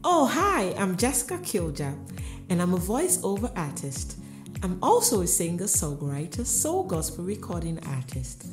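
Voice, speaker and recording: Voiceover lady, low-ish voice, music behind her, sounds roomy. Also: huge pitch swings, moderate pace. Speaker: voiceover artist. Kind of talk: self-promotional showreel talk.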